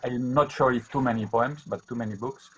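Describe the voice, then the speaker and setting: A man with a Catalan accent speaks halting, non-native English, searching for words and repeating himself as he talks informally about his writing. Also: mid-range voice, steady tone, slight background noise. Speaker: guest poet. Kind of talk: informal talk about own writing at an online book launch. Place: remote video call. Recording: dull, muffled video-call audio.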